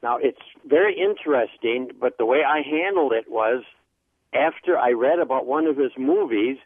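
A man's voice: mid-range voice, animated, normal speed, dry recording. Male radio show caller, tinny phone line, mid-range voice, dry sound, easygoing chatty manner. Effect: call-in voice heard over a phone line. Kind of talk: casual call-in chat.

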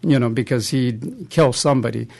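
A middle-aged or older man giving his opinion haltingly, often saying "you know". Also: mid-range voice, steady tone, vocal fry, a little mellow. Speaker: panel guest. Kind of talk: unscripted opinion in a discussion.

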